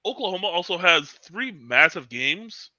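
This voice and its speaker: A higher-voiced man with a piercingly bright tone, jumping in emphatically and swinging his pitch widely. His dull, lo-fi mic sounds dry and close. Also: moderate pace, no echo. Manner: emphatic, excitable, swears. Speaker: podcast co-host. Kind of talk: casual sports chat.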